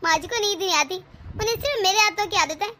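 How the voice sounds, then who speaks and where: A woman's voice: very high-pitched, fast talker, sharp tone, a little hiss or hum. A woman voicing a patient, dutiful elder daughter-in-law in a cartoon, speaking politely and earnestly. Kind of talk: cartoon voice acting.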